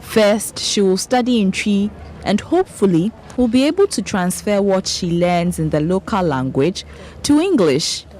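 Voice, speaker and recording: A woman's voice: mid-range voice, big pitch swings, measured pace, darkish tone, a little hiss or hum. A woman with a Ghanaian accent presenting and narrating a news programme from a script. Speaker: presenter and reporter.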